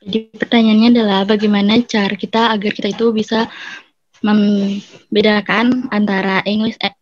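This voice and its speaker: A woman's voice: mid-range voice, little pitch movement, moderate pace, no room sound. Hesitant woman on a dry, dull call line. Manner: hesitant, with fillers. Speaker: webinar participant asking a question. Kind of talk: casual question.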